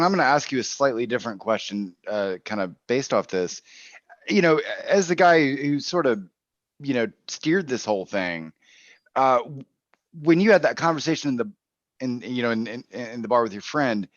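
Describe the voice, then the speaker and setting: A man's voice: medium pitch, expressive, dry recording. A man hosting a casual livestream panel, asking questions with many restarts and repeated words. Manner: halting, repeats words while phrasing questions. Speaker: panel host. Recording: muffled dry online audio.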